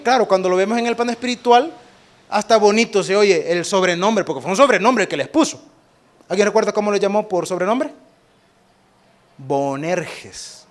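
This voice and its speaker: High-voiced Salvadoran pastor preaching. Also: male voice. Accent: Salvadoran Spanish. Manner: animated preaching with rhetorical questions to the congregation; acts out quick exchanges in different voices. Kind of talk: sermon.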